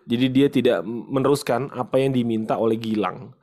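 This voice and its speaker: A man hosting a casual channel, retelling an online story in a chatty way with frequent pauses and fillers. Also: medium pitch, a little mellow. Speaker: host.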